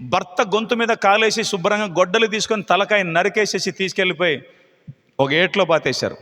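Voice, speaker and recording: A man preaching a live sermon with fiery conviction, firing rhetorical question after question at the congregation. His voice sits high and rings bright. The long reverb of a large hall trails after every phrase. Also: brisk. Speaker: pastor.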